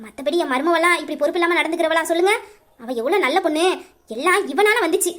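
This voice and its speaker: A woman's voice: very high voice, quick pace, fairly bright tone. A woman voicing an emphatic, doting middle-aged mother-in-law in an amateur audio drama. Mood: defensive. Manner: emphatic, persuasive.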